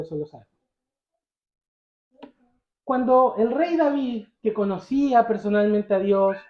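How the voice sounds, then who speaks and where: A man's voice: high-pitched, echoey room, highs cut off. A male pastor preaching a sermon, telling the story vividly and asking the congregation questions.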